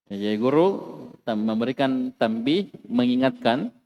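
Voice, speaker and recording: A man's voice: mid-range voice, lively intonation, moderate pace, in a large hall, highs cut off. A man teaching an Arabic class, who asks the students questions and repeats key words with rising emphasis.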